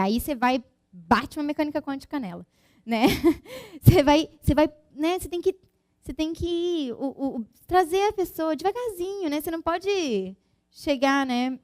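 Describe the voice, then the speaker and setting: A woman with a fairly high voice gives an informal conference talk on physics. She talks in a chatty way, with tag questions and restarts, and she explains through lively everyday examples. Her voice sounds close and dry. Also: dry recording.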